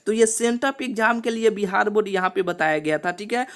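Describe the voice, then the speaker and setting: A man's voice: high-pitched, brisk, a bit bright. A young man explains exam rules to students in a video, repeating himself and leaning on small filler words as he goes. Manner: repetitive, keeps saying "see" and "okay". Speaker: exam coaching channel host.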